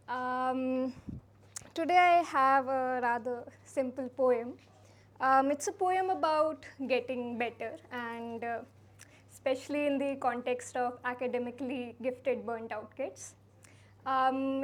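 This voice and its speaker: A young woman from India performing a spoken word poem at a college event, with a soft, earnest and unhurried delivery. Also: sits high. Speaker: slam poet.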